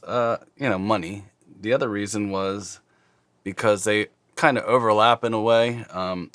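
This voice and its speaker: A man's voice: low-pitched, a bit bright, dry recording. A man in his forties chatting casually and loosely as he hosts a video, his mouth slightly numb from the dentist. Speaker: host of guitar gear videos. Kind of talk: casual chat to camera. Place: small dark studio, indoors.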